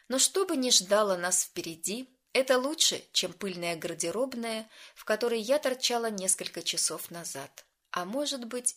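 A woman reading a first-person audiobook story in an even, storytelling manner. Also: medium pitch. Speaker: narrator.

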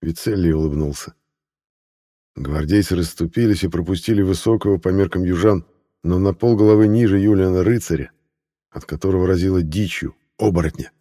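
A man narrating a fantasy audiobook in a steady, measured way. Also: low-pitched.

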